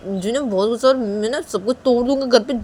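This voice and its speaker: A woman's voice: fairly high pitch, fast, darkish tone, slight background noise, pitched above the performer's own voice, close to an everyday voice. A woman voicing an angry young man who sulks and snaps at his mother. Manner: sullen, snapping, repetitive.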